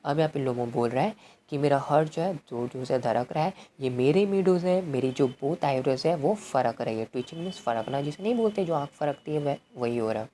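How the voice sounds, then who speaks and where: A woman with a low, mellow voice works through a play like a tutor. She reads each line aloud and then explains it in an easy, conversational way. There is a faint hiss of noise behind her. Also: lively intonation, a little fast. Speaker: English literature tutor. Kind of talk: explaining a play in Hindi with English quotes.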